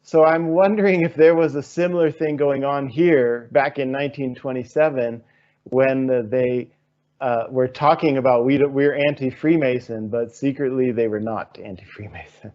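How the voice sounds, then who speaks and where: A man's voice: medium pitch, steady tone, normal speed, highs cut off. A man hosting an interview, posing long, searching questions and thinking aloud with fillers. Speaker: interview host.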